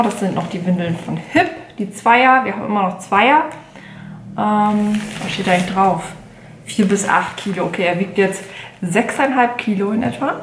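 A woman in her late twenties talks through a shopping haul in a relaxed, rambling way, full of little fillers and self-corrections. Her voice sits at an ordinary middle pitch. It is recorded by a camera at desk distance in a room with a clear echo and a faint hum of room noise. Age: 20s. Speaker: beauty vlogger. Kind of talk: casual haul vlog. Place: bedroom at home, indoors.

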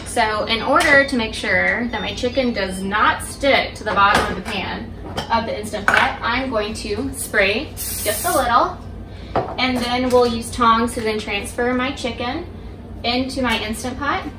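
A young woman giving a step-by-step cooking demonstration in her home kitchen, explaining each step clearly to the viewer. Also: fairly high pitch, unhurried, distant mic. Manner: clear, instructive, addresses viewer directly. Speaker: cooking instructor. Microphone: camera across the kitchen. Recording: echoey kitchen, voice from off-mic, household noise.

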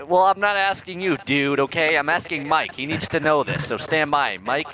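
A man with a slightly high, bright, forceful voice improvises as a flight simulator's air traffic controller, sarcastic and pretending to be in charge. He keeps a moderate pace, and the voice chat sounds muffled with faint noise.

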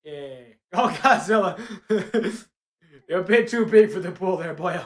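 A man in casual gameplay chat, playful and excitable, his voice jumping from low mutters to high calls. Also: a little slow. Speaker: VR game streamer.

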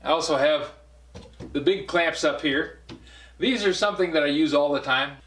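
In an echoey basement workshop crowded with clutter, an older woodworker shows viewers around in a relaxed, folksy manner, wandering between stories and dropping dry remarks. He speaks at a normal speed in a higher-than-average, fairly bright male voice.

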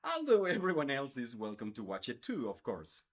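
This man is a YouTuber from Mexico, in his thirties and a Spanish speaker, earnestly addressing the camera in front of a space backdrop indoors. Animated, he gestures heavily with his hands while speaking in a mid-range voice at normal speed.

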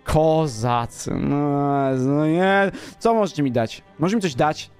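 A man in a relaxed let's-play, swinging his fairly high voice up and down as he brags and jokes with his viewers. Soft music plays underneath. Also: a little slow, clear, resonant tone. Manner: boastful, playful, talks to the viewers. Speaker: gaming commentator. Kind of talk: casual let's-play commentary.

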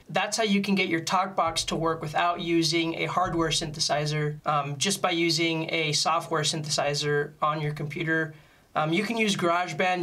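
A music gear tutorial presenter walks through a casual step-by-step lesson, explaining each point plainly like an informal instructor. His voice sits a little high for a man, with a bright, forward edge.

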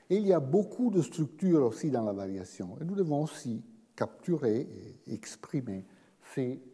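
A man's voice: mid-range voice, warm tone, slightly rough. Hesitant man lecturing in a hall. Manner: measured, frequent hesitations and restarts. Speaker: guest lecturer. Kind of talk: academic seminar lecture. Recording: long reverb of a lecture hall.

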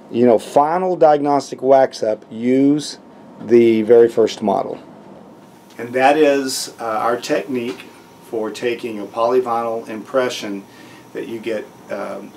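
A man's voice: mid-range voice, mellow, slight background noise. A middle-aged man, a dentist giving a plain, step-by-step instructional demonstration. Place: small dental treatment room, indoors.

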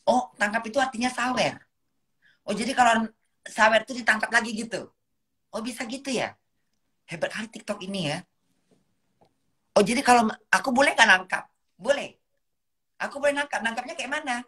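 A woman's voice: a little high, normal speed, long pauses, pushed and bright, slightly rough. A woman, chatting casually on a phone live stream and reading viewer comments. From Indonesia. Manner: chatty, meandering, talks to viewers, refers to herself as Bunda. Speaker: livestream host.

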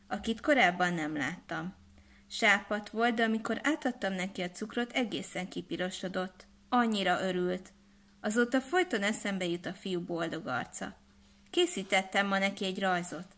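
A shy young princess girl from a storybook, read by a woman narrator. She speaks softly and gently, with a wistful, quiet manner. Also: mid-range voice.

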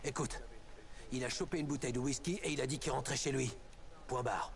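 Male survivor for game cutscene, acted, callous, defensive, gravel in the voice. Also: mid-range voice, fairly quick, lightly acted. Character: defensive, callous survivor camp tough guy. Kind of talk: video game cutscene acting.

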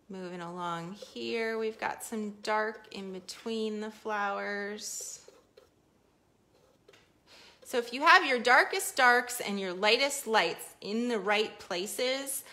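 A woman hosting a live paint-along, explaining her brushwork in a relaxed, chatty way as she paints. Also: mid-range voice. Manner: loose, easygoing explanations with frequent "um" and "kinda". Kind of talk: casual live painting demo.

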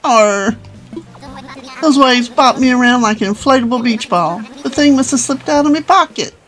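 A woman's voice: on the high side, normal speed, soft background music, close to an everyday voice. A woman reading game dialogue aloud, voicing a boastful male pirate seagull in salty sailor talk. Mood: dramatic.

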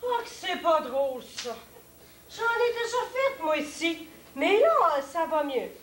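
A woman plays a sharp-tongued Québécois neighbour, mocking and bossy toward the other women. Her voice sits very high, recorded in an echoey theatre with faint background noise. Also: big pitch swings, unhurried, exaggerated voice. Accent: Québécois French. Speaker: stage actor. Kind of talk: amateur stage acting. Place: theatre stage. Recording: echoey stage audio.

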